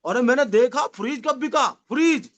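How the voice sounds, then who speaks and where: A man giving a lively motivational sales seminar, repeating phrases and calling the audience his dear friends, with a slight touch. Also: extremely high pitch, normal speed. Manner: animated, repetitive, addresses audience as "my dear friend". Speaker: network marketing trainer.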